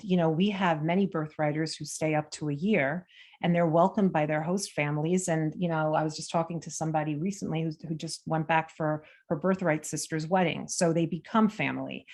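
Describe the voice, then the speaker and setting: Speaking in a low, slightly mellow voice at a moderate pace, a middle-aged American woman, Armenian by first language, appears as a guest in a conversational interview. She talks freely and chattily, often using fillers and restarting her sentences.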